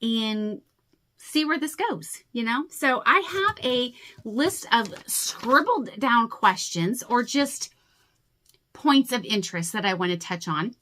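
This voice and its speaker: A woman's voice: a little high, lively intonation, slow, sharp tone. A woman in her forties talking casually to camera about her family and pets, chatty and rambling with a self-deprecating humor. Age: 40s. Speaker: crafting vlogger.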